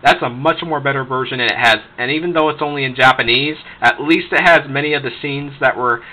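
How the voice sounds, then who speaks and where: A man's voice: medium pitch, quick pace, sharp tone, poor audio. A man giving an unscripted, rambling ranting review of shows he dislikes, with many restarts, swearing and laughs.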